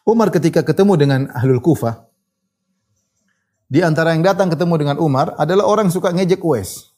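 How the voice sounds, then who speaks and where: Warm in tone and brisk, this religious teacher's voice sits on the high side as he leads a storytelling lesson, reading Arabic narrations before recounting them in everyday speech and voicing the characters' lines.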